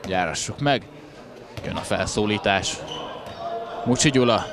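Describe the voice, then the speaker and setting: This sports commentator's voice is on the low side and animated as he gives chatty live handball commentary with wry remarks. The recording picks up the noise of the crowd in the sports hall.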